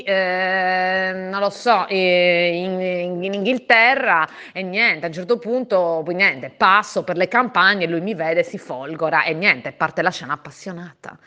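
A woman's voice: on the low side, pushed and bright, dull audio. A woman, a podcast co-host leaving a chatty, gushing voice message full of fillers. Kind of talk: casual voice-message monologue.

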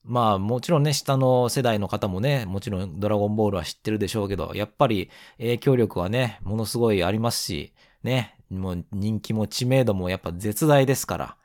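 Low, nasal, congested man hosting a podcast. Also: fairly quick, hardly any pauses, darkish tone, no room sound, clean studio sound. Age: around 40. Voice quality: nasal, stuffed-up voice. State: congested from hay fever. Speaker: podcast host. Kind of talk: casual solo gaming podcast talk.

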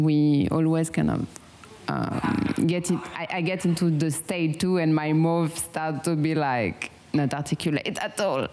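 A French-accented woman with a low-pitched voice hosts a meditation channel, leading a relaxed, casual guided meditation chat. She speaks haltingly, often pausing to search for English words and leaning on frequent fillers. Slight background noise can be heard.

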